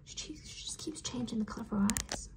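A young woman in a fast whispered ASMR role-play, playing a businesslike kidnapper from another dimension examining a human captive, close to the microphone. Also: fairly high pitch, natural voice, poor audio. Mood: matter-of-fact. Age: young adult. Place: small bedroom, indoors.

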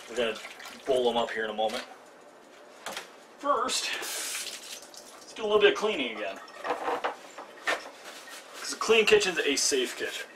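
A young man hosting a live cooking stream in his home kitchen, chatty and self-mocking with jokey asides. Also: medium pitch. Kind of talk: casual live cooking demo. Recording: distant mic, noisy kitchen.

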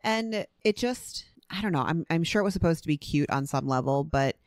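A woman's voice: sits low, expressive, a little fast, no echo, clean studio sound. A woman co-hosting a podcast in casual chat, chatty and easygoing, swearing casually. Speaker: podcast co-host.

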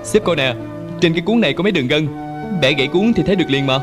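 A man dubbing a brash young male ex-convict in a film, talking in a quick, mocking way. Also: on the high side, lively intonation, over music, lightly acted. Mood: explaining. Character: cocky young male ex-convict just out of jail. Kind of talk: film dub.

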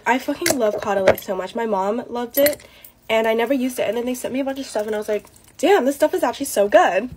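A woman's voice: on the high side, fast talker, noisy background. A teenage girl chatting casually through a get-ready-with-me makeup vlog, full of fillers like "like" and "um". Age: late teens. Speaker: beauty vlogger.

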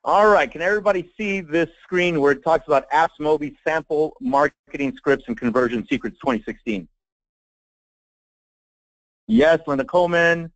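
An American man leading a live online sales training as a marketing trainer, with an emphatic, folksy pitch addressed straight to his listeners. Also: normal speed, no echo. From Texas, United States. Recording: dull lo-fi web conference audio.

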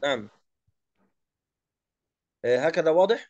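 A man's voice: a little high, expressive, lo-fi sound, noisy background. Man teaching Quranic pronunciation. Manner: demonstrates pronunciations slowly, repeating sounds. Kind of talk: tajwid lesson explaining verse.

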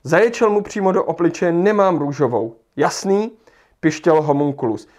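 A man's voice: a little high, animated, darkish tone. A man leading a livestreamed lesson, thinking aloud as he rereads passages and works through an exam task. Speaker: Czech language teacher.

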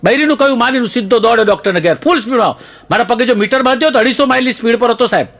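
A man telling stand-up jokes in an animated way, laughing through his punchlines and dropping in English phrases. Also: extremely high pitch, racing. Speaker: comedian.

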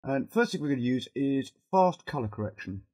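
A middle-aged man presenting a video editing tutorial has a cold and is losing his voice, which comes out fading and husky. He talks haltingly through informal, step-by-step software instructions, thinking aloud as he works, in an expressive, medium-pitched voice.

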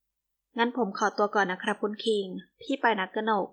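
A woman narrator voicing a relaxed, teasing older brother. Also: medium pitch, moderate pace, close to an everyday voice.

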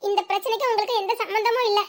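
A level-headed young village wife in a cartoon, voiced by a woman, with a Tirunelveli Tamil accent. Her voice is extremely high and girlish. She talks calmly and sensibly, reassuring the person she speaks to. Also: rapid-fire. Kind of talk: cartoon voice acting.

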